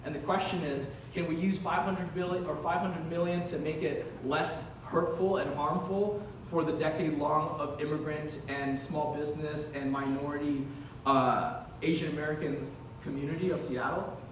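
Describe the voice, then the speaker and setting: A man speaking as a panel speaker at a symposium, explaining in a thoughtful, measured way. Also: on the high side, fairly even intonation, slight background noise. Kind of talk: symposium talk. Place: lecture hall. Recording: echoey hall, distant mic.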